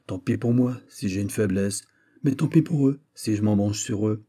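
A man's voice: fairly low pitch, normal speed, dark tone, natural voice. A man voicing a teasing, mocking young woman in an audiobook. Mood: playful. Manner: mocking, playful.

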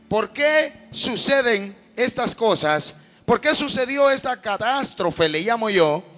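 A male preacher delivers an emphatic sermon, constantly calling out to his listeners. His voice sits very high and sounds bright and forceful. The sermon carries a long reverb from the hall, with faint music beneath. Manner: emphatic, addresses the congregation constantly.

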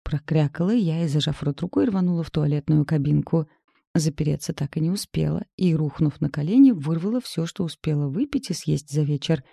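A woman's voice: deep voice, fairly quick, gravelly, mellow, dry recording, studio quality. A woman reading a first-person romance story as an audiobook narrator, acting out the dialogue.

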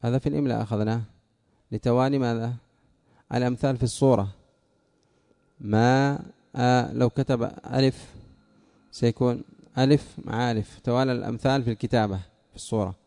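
A man's voice: mid-range voice, fairly even intonation, fairly quick, long pauses, warm tone. A man teaching a classroom lesson, explaining rules step by step and quizzing his students with questions. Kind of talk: classroom lesson on Arabic morphology.

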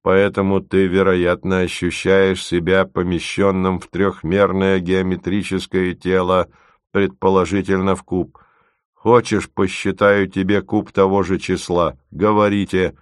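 Reader doing a worn-out clever computer in an audiobook, deep, slow and precise, sardonic. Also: male voice, level tone, clear, resonant tone, no room sound, clean studio sound. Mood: weary. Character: weary sardonic male computer, clever and tired.

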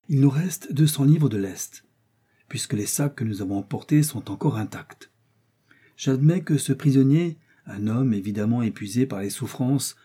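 Guy reading as calm bossy explorer doctor, dark husky voice, audiobook. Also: medium pitch. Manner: calm, commanding, reasoned. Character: resolute learned explorer doctor, middle-aged man.

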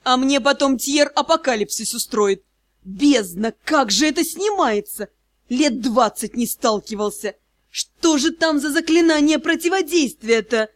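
A woman's voice: high-pitched, animated, unhurried, no echo, studio quality. A woman voicing a mocking, sinister male magister of death in an audiobook. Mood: irritated. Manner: sneering, ironic.

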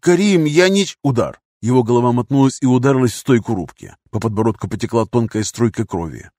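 A man's voice: medium pitch, fast, warm tone, no echo, clean studio sound. A man reading a first-person action audiobook in a tense, punchy way, throwing force into the dialogue. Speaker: audiobook narrator.

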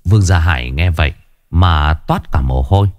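Low-voiced male storyteller. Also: normal speed. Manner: steady, expressive storytelling. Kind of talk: scripted narration of a historical folk tale.

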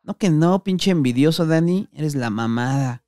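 A man's voice: a little high, takes it slowly, mellow, clean tone, no room sound, clean studio sound, voice pushed up. A man doing a crude mocking stoner thug. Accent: Mexican. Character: crude loudmouth young male stoner, mocking.

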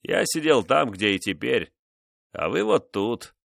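A man voicing a cruel, vengeful nobleman who mocks his wife in a slow, menacing way. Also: mid-range voice, big pitch swings, vocal fry, fairly bright tone, dry recording, clean studio sound, full character voice. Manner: mocking, menacing, measured.

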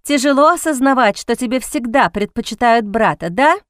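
A woman voicing a cold, cynical male aristocrat who speaks in a hoarse, mocking drawl in an audiobook. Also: a little high, animated, moderate pace, fairly bright tone, dry recording, clean studio sound. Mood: taunting.

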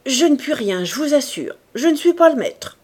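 A woman reading the lines of an authoritative male minister in an audiobook, in a measured, firm way. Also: mid-range voice, lively intonation. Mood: guarded firm.

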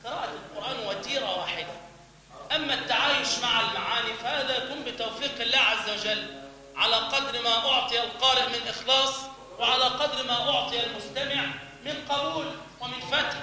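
A man's voice: extremely high pitch, fast, pushed and bright. A man with an Egyptian accent teaching a class on the call to prayer, demonstrating chanted lines and quizzing his students. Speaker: religious teacher. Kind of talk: lecture on recitation. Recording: echoey hall with audience.

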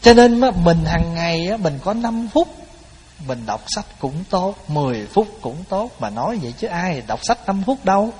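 A man's voice: high voice, sing-song, moderate pace, a little mellow, breathy edge. A man giving a Buddhist dharma talk, telling stories in a folksy way and addressing his listeners directly. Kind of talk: sermon. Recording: hall with long reverb.

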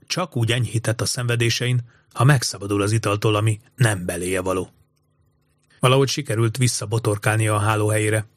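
A man narrating an audiobook story in an even, measured way. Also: fairly low pitch, dry recording, clean studio sound.

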